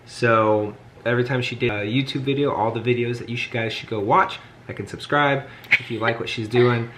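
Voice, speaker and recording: A man's voice: medium pitch, fairly even intonation, fairly quick, bright, forceful tone, a little hiss or hum. A young man chatting at home on a vlog, joking around and explaining things step by step. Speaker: soldier deploying, vlogger's husband. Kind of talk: casual home vlog chat.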